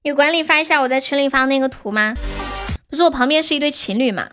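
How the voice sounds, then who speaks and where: High-voiced playful woman streamer. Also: fast, pushed and bright. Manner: playful, cutesy, melodramatic pleading. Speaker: live streamer. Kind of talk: casual livestream chat. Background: background music.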